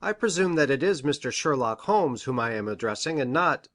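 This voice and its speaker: A woman puts on the low-pitched voice of a storybook character, an eccentric, eager and pedantic country doctor and scientist, in a lively, swooping, exaggerated style that runs a little fast. Formal, earnest and effusive, he weighs every word, and here sounds effusive and fascinated in this audiobook character voice.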